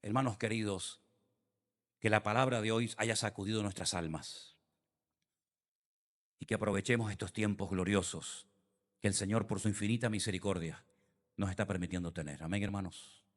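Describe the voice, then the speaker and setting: A man with a Canarian Spanish accent, preaching a sermon as a pastor, swinging between impassioned high peaks and hushed prayer. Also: fairly even intonation, normal speed, pauses often. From Canary Islands, Spain. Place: church sanctuary. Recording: church hall with long reverb.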